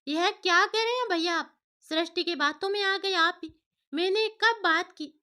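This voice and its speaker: A woman's voice: extremely high pitch, normal speed, bright, forceful tone, voice pushed up. Woman voicing an indignant widowed mother. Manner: indignant, insistent protests. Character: widowed mother, proud and fiercely devoted.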